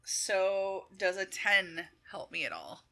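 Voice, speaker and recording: A woman chatting expressively as a player at the game table. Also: medium pitch. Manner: lively, expressive, quick to laugh. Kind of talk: casual chat at the game table.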